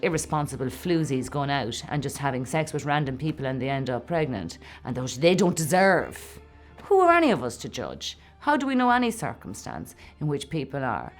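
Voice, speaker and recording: A woman giving frank, questioning opinions in an interview. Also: deep voice.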